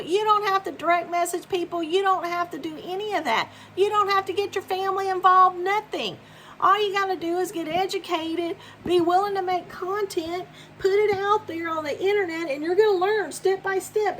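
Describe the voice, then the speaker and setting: Upbeat high-voiced woman in her fifties. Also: a bit bright, slight background noise. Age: 50s. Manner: upbeat, encouraging, repetitive. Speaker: vlogger. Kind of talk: casual promotional talk to camera. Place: home.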